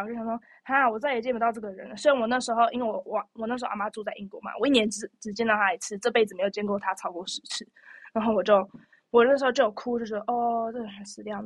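A young woman co-hosting a podcast, telling stories in a chatty, animated way with lots of fillers. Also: a little high, no room sound, studio quality. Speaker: podcast co-host. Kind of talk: casual chat.

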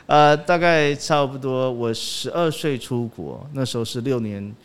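A man, chatting as an interview guest, halting and often repeating short affirmations, dropping in English words. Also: medium pitch, smooth. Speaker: sound director guest. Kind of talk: casual interview chat.

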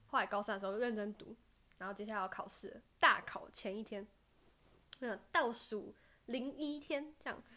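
Animated young woman telling stories. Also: mid-range voice. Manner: animated storytelling, bursts of laughter and loud self-cheers. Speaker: podcast guest. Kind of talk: casual chat.

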